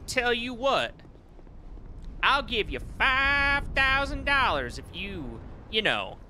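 A man's voice: extremely high pitch, sing-song, slow pace, bright, forceful tone, slight background noise, pitched above the performer's own voice, full character voice. A man voicing a folksy southern old-timer with a put-on Southern US accent and a drawl.

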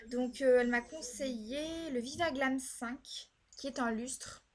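With a high-sitting voice and a somewhat slow delivery, a young beauty vlogger talks casually through her makeup purchases. She is chatty, hesitates a lot, and uses plenty of fillers and "voilà".

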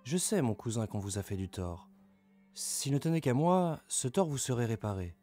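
Man reading a calm young queen. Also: mid-range voice, normal speed, soft background music.

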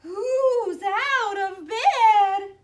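A woman's voice: very high voice, extremely slow, roomy sound, pitched above the performer's own voice, exaggerated voice. A woman voicing a sinister tentacled male monster, sing-song and drawn out with a hiss. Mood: creepy. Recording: distant mic, faint background noise.

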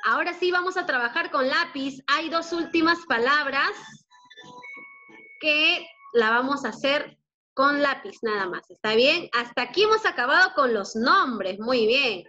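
A woman's voice: high-pitched, lively intonation, a little slow, pushed and bright, highs cut off, soft background music. A woman teacher leading an online class for children, dictating words syllable by syllable and praising her pupils cheerfully. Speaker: primary school teacher.

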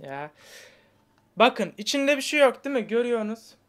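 A woman's voice: fairly high pitch, sing-song, normal speed. Playful teasing woman chatting with strangers. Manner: teasing, playful, slangy, mock magic-trick patter. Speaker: online video chat prankster. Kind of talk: casual trolling chat with strangers.

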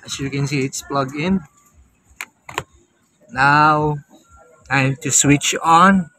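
In a rough recording, a man speaks very slowly in a slightly high, sharp-toned voice. He's in his thirties with a Filipino accent, doing a casual, playful vlog product review into a phone camera from an open-air beach hut at night and later from inside a tent.

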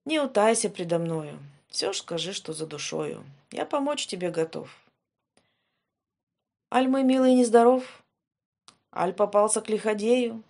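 A woman's voice: mid-range voice, expressive, unhurried, long pauses, a little mellow. A woman voicing a kind, wise little humpbacked horse in a fairy-tale reading. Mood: caring. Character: small kind humpbacked magic pony, wise friend.

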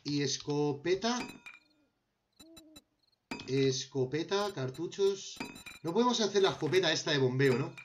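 A young man from Spain, speaking with a Spanish accent, chats casually while crafting in a survival game, talking to himself and treating viewers like friends. His voice is on the high side and animated, with a measured pace and frequent pauses. The audio has the highs cut off and a little hiss or hum.

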